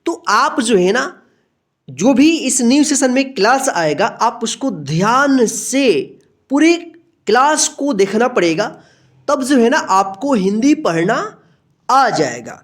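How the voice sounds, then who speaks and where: Lively-voiced woman teaching the alphabet slowly. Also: on the high side. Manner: patient, repetitive, draws out letter sounds and checks in often. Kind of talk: beginner Hindi alphabet lesson.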